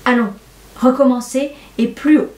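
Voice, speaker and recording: A woman's voice: high-pitched, fairly even intonation, normal speed, reverberant, lightly acted. A woman doing a kindly old man coaxing a shy girl. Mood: reassuring. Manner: gentle, encouraging.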